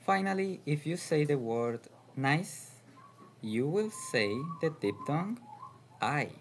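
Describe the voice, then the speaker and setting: Male teacher, very slow and careful, repeats every word twice, faint hiss behind. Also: a little high, lively intonation, creaky. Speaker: pronunciation teacher. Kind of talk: slow, deliberate lesson.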